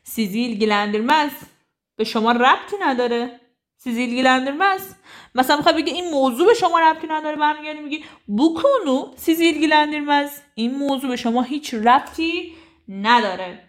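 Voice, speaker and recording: A woman teaching a casual language lesson. She says each phrase slowly, then explains it quickly and chattily. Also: sits high.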